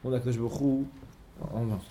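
Man teaching a Torah study lesson, mellow voice. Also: medium pitch, fairly even intonation, fairly quick, a little hiss or hum. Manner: explains step by step, mixing in many Hebrew terms.

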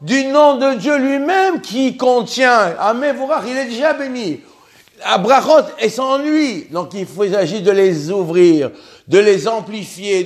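A man with an unusually high-pitched voice delivers a religious lesson. He speaks earnestly, pressing hard on key words, and often breaks off to restart or repeat himself mid-thought. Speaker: religious teacher.

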